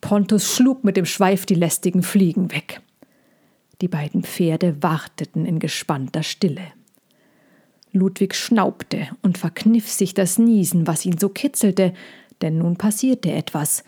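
Woman reading a storybook calmly. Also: fairly low pitch, measured pace, slightly rough. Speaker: narrator.

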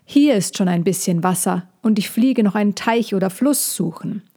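A woman voicing an anxious male plover bird in a storybook reading, hurried and pleading. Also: medium pitch, warm tone, lightly acted. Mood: urgent pleading.

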